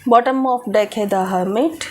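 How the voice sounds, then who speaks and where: A woman's voice: fairly high pitch, very slow, darkish tone, slight background noise. A woman reading tarot for viewers, giving direct advice and mixing English words into Hindi. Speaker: tarot reader.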